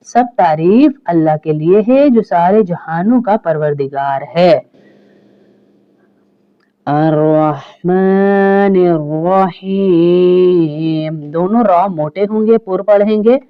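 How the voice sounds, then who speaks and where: Woman slowly teaching a recitation. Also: fairly low pitch, animated, narrow, tinny audio. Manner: recites slowly and drawn out, then explains briskly with rising emphasis. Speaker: religious teacher. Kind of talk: step-by-step recitation lesson.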